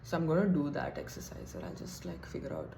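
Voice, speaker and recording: Young woman vlogger, low voice, rambling chatty self-talk, roomy echo. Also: wildly swooping pitch, quick pace, creaky, noisy background. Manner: chatty, thinking aloud, self-deprecating. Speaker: beauty vlogger. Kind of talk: casual get-ready-with-me chat. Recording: echoey room.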